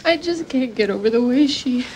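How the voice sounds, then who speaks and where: An actress playing a patient wife who talks slowly and softly. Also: female voice, high voice, animated, noisy background. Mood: gentle. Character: patient wife, gently exasperated.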